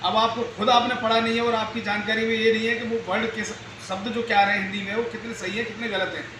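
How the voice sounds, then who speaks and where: Guy with a high voice lecturing earnestly, echoey room, noisy background. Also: little pitch movement, fast talker. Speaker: speaker on journalism. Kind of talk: interview answers.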